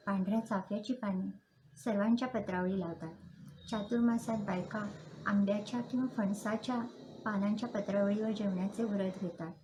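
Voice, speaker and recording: Woman calmly narrating a classic story. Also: mid-range voice, background noise. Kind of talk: reading a classic story aloud.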